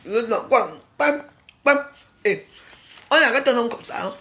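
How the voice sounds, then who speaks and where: A woman's voice: fairly high pitch, lively intonation, bright, forceful tone. Woman mocking in a rambling rant. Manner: mocking, scolding, quick restarts. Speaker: social media personality. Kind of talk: ranting live video.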